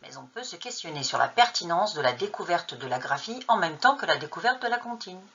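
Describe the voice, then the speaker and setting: A woman's voice: on the low side, big pitch swings, brisk, fairly bright tone, slightly rough, highs cut off. A woman teacher trainer narrating a lesson, posing true-or-false questions and then answering them. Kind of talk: narrated lesson on an English textbook.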